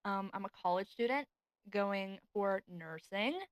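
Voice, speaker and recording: A nineteen-year-old woman co-hosting a casual chat podcast, talking loosely with lots of "like" and quick laughs. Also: mid-range voice, no room sound, low-quality recording. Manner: chatty, laughs often, lots of "like". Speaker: podcast co-host. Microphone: desk podcast mic.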